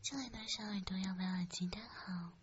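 Young woman, soft close whisper, teasing streamer, slightly dull lo-fi sound, faint hiss. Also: mid-range voice, brisk. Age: young adult. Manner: teasing, playful, reads comments. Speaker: radio streamer host. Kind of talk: whispered live-stream chat.

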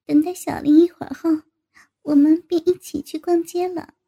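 A young woman narrating an adult audio story in a breathy, intimate way, sometimes dropping to a whisper. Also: extremely high pitch, fairly even intonation, normal speed, warm tone.

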